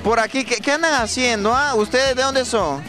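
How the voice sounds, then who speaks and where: A man's voice: extremely high pitch, normal speed. A young man with a Guatemalan Spanish accent doing joking street interviews at an outdoor fair, teasing passersby into a handheld mic. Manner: teasing, laughs a lot, calls out to passersby. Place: outdoor fairground. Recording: music from the fair behind.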